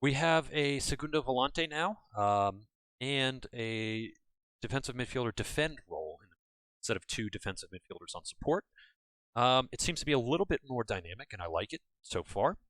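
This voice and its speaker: A man's voice: medium pitch, animated, normal speed, fairly bright tone, no echo. An American man hosting a casual game commentary from home, chatty and rambling, often correcting himself. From United States. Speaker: gaming channel host. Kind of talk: casual let's-play commentary.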